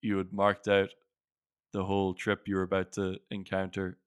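An Irish man hosts a casual sports conversation in a low, very smooth voice. His pitch moves little, and his accent is plainly Irish. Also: completely flat delivery, moderate pace, dry recording. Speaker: podcast host.

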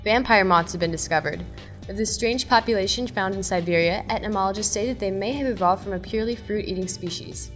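A woman reads a scripted segment of offbeat news in a brisk, wry manner. Her voice sits in a middle pitch, and music plays clearly behind her.

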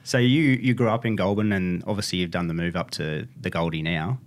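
Australian male podcast host, deep voice, quick pace, blokey tradesman manner, casual interview chat. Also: steady tone.

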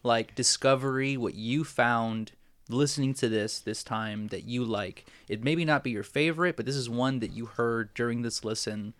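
A man's voice: medium pitch, moderate pace, fairly bright tone, no echo. Dry-voiced man hosting, jokey. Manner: jokey, swears freely. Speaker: podcast host. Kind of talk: casual chat.

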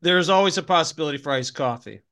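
A middle-aged man co-hosting a casual podcast, rambling with wry, deadpan humor. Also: on the high side, fast. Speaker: podcast co-host. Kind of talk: casual chat.

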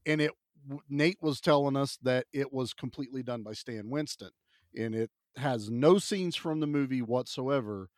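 A man's voice: medium pitch, normal speed, dry recording, clean studio sound. A man co-hosting a podcast, an enthusiastic and rambling storyteller. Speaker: podcast co-host. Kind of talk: casual chat.

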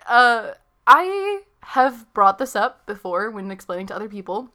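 A woman's voice: on the high side, big pitch swings, a little slow, bright, forceful tone. A young woman in her late teens chatting casually and eagerly, laughing often. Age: young adult. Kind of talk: casual podcast chat.

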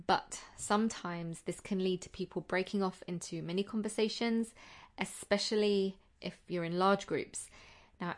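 A middle-aged woman presents an upbeat, tidy advice vlog with a medium-pitched voice. She is chatty and reassuring, and she lays out her tips in an organised, step-by-step way like an experienced teacher. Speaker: teacher giving advice as host.

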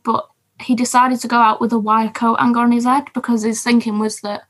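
A woman's voice: fairly high pitch, flat delivery, fairly quick, fairly bright tone. A woman co-hosting a podcast, chatting enthusiastically about TV shows with lots of fillers. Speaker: podcast co-host. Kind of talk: casual chat about TV shows.

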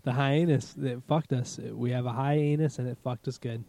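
A man with a Massachusetts accent chats loosely as a podcast co-host, his voice dark and mellow. He swears freely and laughs often. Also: medium pitch, fairly even intonation, moderate pace, creaky, dry recording. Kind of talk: casual podcast chat. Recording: remote recording without proper mics.

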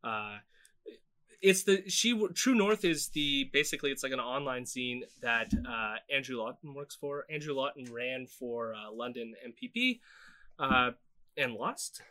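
Casual giggly guy cohosting a podcast, pitch all over, bright tone. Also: expressive, a little slow. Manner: laughs often, rambling with fillers. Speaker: podcast co-host. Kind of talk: casual political chat.

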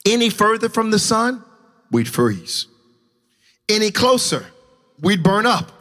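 A man preaching a sermon in a church, passionately shouting in a sing-song preaching cadence. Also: high voice, big pitch swings, slow pace, big-room sound. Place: church sanctuary.

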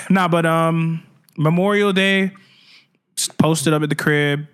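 A man's voice: a little high, steady tone, slow pace, fairly bright tone, smooth. A man hosting a casual podcast, bantering in laid-back slang with friends. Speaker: podcast host. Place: shared room, not their usual studio.

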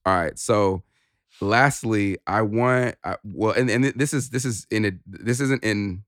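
A man's voice: lowish voice, measured pace, a bit bright, no echo, studio quality. A man co-hosting a casual chat about hip-hop records, thinking aloud with many ums and restarts. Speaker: podcast co-host.

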